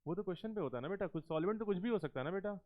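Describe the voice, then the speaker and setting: A man teaching chemistry in a live class, coaxing students with questions and slowing down to dictate terms word by word. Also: high-pitched, expressive. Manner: coaxing, keeps asking students questions and calls them beta. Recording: tinny phone-like lecture recording.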